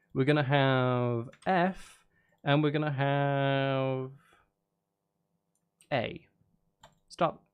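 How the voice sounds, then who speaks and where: A man composing game music chats casually on a live stream, rambling and hesitantly thinking aloud. His mid-range voice is clear with a resonant tone.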